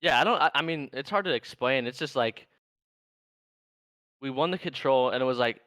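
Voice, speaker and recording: A laid-back man telling a story as a podcast guest, leaning on "like" at every turn. His voice is smooth and clear, recorded close and dry with no room sound. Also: medium pitch, normal speed, a bit bright, no room sound. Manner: laid-back, says "like" constantly. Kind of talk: casual chat.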